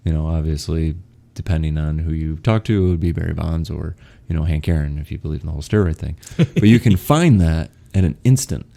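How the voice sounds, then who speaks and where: Very deep, gravelly young male podcast host. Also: brisk, hardly any pauses. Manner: relaxed, laughs often, many fillers. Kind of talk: casual conversational interview.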